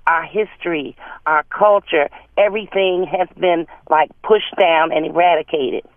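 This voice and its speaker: A woman's voice: deep voice, a little slow, no echo. A woman in her sixties calling a radio show, speaking in an impassioned, emphatic way. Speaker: radio caller. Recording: tinny phone line.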